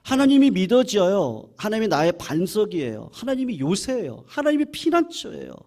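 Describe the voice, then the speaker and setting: A male pastor preaching a sermon at a church service, moving between quiet, conversational asides and loud, emphatic declarations. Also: sits high, big pitch swings, a little fast.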